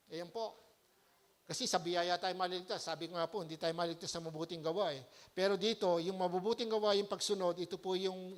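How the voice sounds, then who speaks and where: A male pastor preaching a lively sermon in church, often checking his listeners with a rhetorical "Hello?" and swinging between loud exhortation and quiet asides. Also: high-pitched. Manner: animated, keeps asking the congregation "Hello?".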